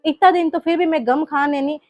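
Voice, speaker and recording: A woman's voice: high-pitched, steady tone, brisk, music in the background, voice pushed up, lightly acted. A woman with a Marwari accent playing a hurt young daughter-in-law who earnestly reproaches her mother-in-law. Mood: reproachful. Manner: earnest, lecturing, emotional.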